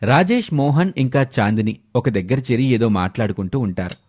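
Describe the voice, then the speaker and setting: A male storyteller reading scripted narration at a middle pitch. His delivery is plain and even. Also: brisk, slight background noise.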